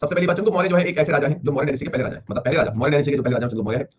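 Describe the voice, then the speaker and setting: An Indian man lectures a history class at a rapid clip, repeating each point as he explains it. His voice sits a little high for a man. The recording is dull and lo-fi, with faint classroom ambience behind him. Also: lively intonation, breathy edge. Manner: rapid, repetitive explaining, slowing to read English lines aloud. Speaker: history teacher. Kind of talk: classroom lecture mixing Hindi and English.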